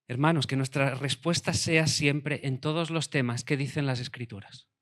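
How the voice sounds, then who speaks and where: A man preaching a sermon as pastor, emphatic, dropping to a quiet tone for weight. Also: a little high.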